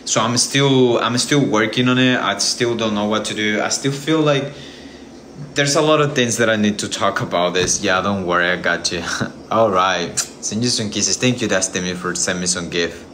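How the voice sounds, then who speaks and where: Man, 30s, livestream host, low voice, bright tone, hesitant rambling, phone mic, home kitchen. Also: normal speed, slight background noise. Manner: rambling, hesitant, many restarts. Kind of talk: casual livestream chat. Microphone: phone front camera.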